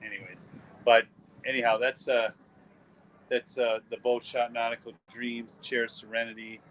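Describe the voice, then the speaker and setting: A middle-aged man with a Minnesota accent talks casually, rambling a little as he walks through his outdoor art fair booth. His voice sits at an ordinary middle pitch, with a faint hiss of background noise behind him. He comes across as a friendly photographer live-streaming to his viewers. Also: flat delivery, moderate pace, a bit bright, low-quality recording. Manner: chatty, rambling, friendly sales talk. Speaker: photographer and YouTube host.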